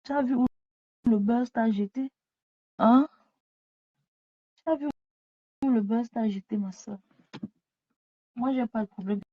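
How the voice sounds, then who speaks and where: A live streamer lies at home ranting into a phone she has set down, scolding and repeating herself as she addresses her viewers. Her voice is fairly high with fairly even intonation, at a normal speed with frequent pauses. The recording is dry, with dull lo-fi phone audio.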